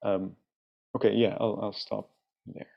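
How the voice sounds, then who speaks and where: A man speaking as a panelist in a discussion, thoughtful and halting, with many restarts. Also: fairly low pitch, flat delivery, vocal fry, dull audio.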